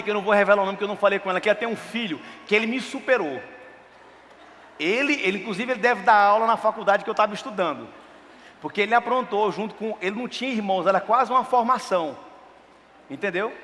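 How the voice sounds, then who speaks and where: Pastor guy, high voice, jokey and animated, preaching in a big echoey church hall. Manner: animated, joking preacher acting out family scenes. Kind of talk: sermon. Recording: long hall reverb with faint noise.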